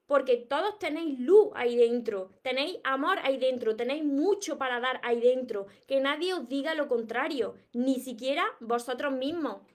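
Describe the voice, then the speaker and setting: High-voiced Andalusian woman, earnest. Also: moderate pace, few pauses. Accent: Andalusian (Córdoba). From Córdoba, Andalusia, Spain. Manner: earnest, repetitive, addresses viewers directly. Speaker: self-help live streamer. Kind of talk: motivational live stream talk.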